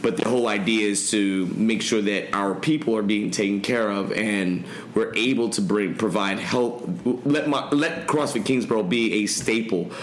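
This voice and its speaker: A low-voiced man answering interview questions in a relaxed, thoughtful way with little pauses. The room is echoey. A faint noise sits underneath. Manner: relaxed, thoughtful, hesitant fillers. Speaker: guest, gym owner.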